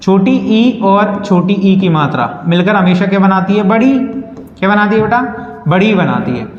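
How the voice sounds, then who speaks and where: A man's voice: high-pitched, lively intonation, normal speed, a little hiss or hum. A man teaching Hindi spelling to students, asking questions and answering them himself, calling them "beta". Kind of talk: classroom lesson with call-and-response questions. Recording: echoey room, slightly dull sound.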